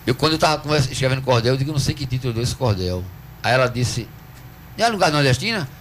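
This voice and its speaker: In a radio studio, a cordel poet appears as an interview guest and explains things at length in a mid-pitched voice with a Northeastern Brazilian Portuguese accent. He is earnest and animated, teaching patiently and slowing down to stretch out words so the rhythm and syllables stand out. A faint hiss runs beneath the recording.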